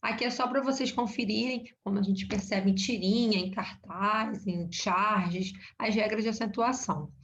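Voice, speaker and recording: A woman with a Brazilian Portuguese accent walks through a grammar lesson, explaining each point carefully. She keeps checking in with her listeners through little tag questions. Her voice sits at a medium pitch, heard through a somewhat muffled, lo-fi recording. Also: fairly even intonation, moderate pace, few pauses, fairly bright tone. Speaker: teacher. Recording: dull lo-fi recording.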